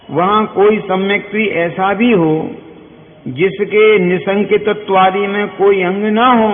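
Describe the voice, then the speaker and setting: Male scripture teacher, high and slow, quizzes his listeners; lo-fi hall recording. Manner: keeps asking listeners quick questions; explains by everyday examples. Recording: tinny, echoey hall with faint hiss.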